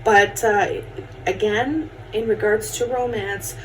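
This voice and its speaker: Woman, casual tarot host, conversational and familiar with viewers, mid-pitched, recorded at a distance. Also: fairly even intonation, slow. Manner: chatty, addresses viewers as friends and guys. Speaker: tarot card reader hosting a horoscope show. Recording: distant mic with faint background noise.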